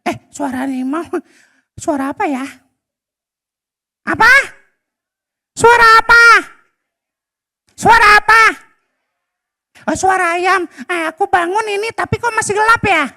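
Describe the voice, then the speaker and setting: A man voicing an eager, pious young schoolboy in a children's story, calling out excitedly. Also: very high voice, unhurried, creaky, long pauses, voice pushed up, exaggerated voice. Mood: puzzled.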